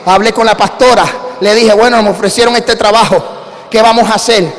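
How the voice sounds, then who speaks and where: A man with a Puerto Rican accent, a pastor telling a personal story in a sermon with lively calls to his congregation. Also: high voice, fairly quick. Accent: Puerto Rican Spanish. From Puerto Rico. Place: church sanctuary. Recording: church hall reverb.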